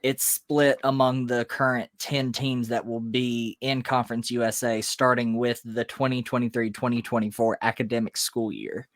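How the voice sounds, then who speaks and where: A man's voice: medium pitch, level tone, normal speed, few pauses, dry recording, clean studio sound. A man co-hosting a casual sports podcast, explaining news step by step with frequent ums. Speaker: podcast co-host.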